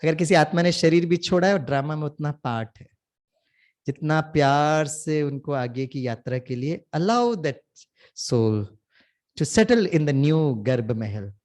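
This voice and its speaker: A man from India delivers a motivational spiritual talk, leading his listeners through call-and-response and lively storytelling. His voice sits fairly high for a man. He drifts easily between his own language and English phrases as he speaks. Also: a little slow.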